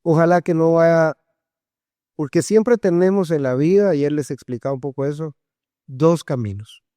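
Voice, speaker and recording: Calm pastor reflecting. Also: male voice, fairly high pitch, moderate pace, dry recording, studio quality. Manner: calm, reflective, preaching asides. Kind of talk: conversational testimony.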